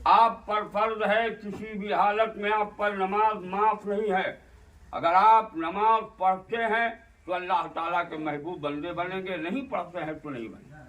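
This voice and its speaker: A man delivers a fiery sermon to a gathering, his high, bright voice climbing into impassioned shouts. He sounds set back from the microphone, with the space around him audible. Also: recorded from a distance. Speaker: religious orator. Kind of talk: fiery public speech.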